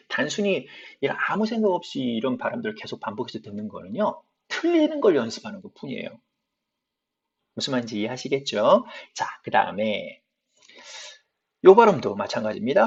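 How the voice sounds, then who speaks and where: Gravelly-voiced man teaching pronunciation. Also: medium pitch, muffled recording. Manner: explains patiently, repeats example phrases slowly. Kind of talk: online lesson.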